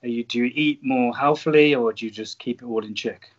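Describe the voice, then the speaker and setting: A man's voice: mid-range voice, brisk. Guy hosting an interview, rambly questions, stumbles over words, muffled audio. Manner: rambling, repeats words as he asks.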